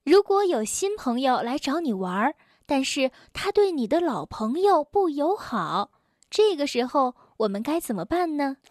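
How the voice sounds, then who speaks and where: A woman telling a story to children in a gentle, clear way, calling herself a big sister. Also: high voice, sing-song, normal speed, no echo, clean studio sound.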